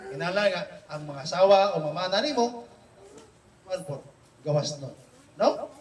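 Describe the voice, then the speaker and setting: A man with a high, light voice leads a family Bible study, animated and teasing, tossing "no?" at his listeners every few phrases. He sounds set back from the mic in an echoey room. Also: moderate pace, distant mic. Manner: animated, teasing, keeps checking in with "no?". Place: home room with family gathered.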